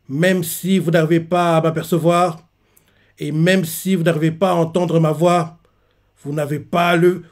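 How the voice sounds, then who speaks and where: Man reading a young war captain, stirring speech, high strained voice, gravelly. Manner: rousing, shouted speech. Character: young male army captain rallying his troops.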